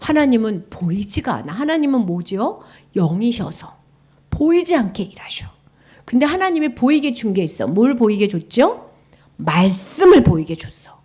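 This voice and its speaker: Animated woman preaching to children. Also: on the high side, moderate pace, breathy edge. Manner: animated storytelling with questions to children, dropping to whispers. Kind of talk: children's sermon.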